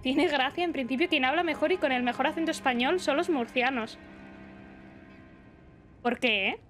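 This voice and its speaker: A woman's voice: sits high, moderate pace, a bit bright, faint music behind. A young woman streamer from the Basque Country chatting casually and rambling while gaming. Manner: chatty, reads chat aloud, rambling.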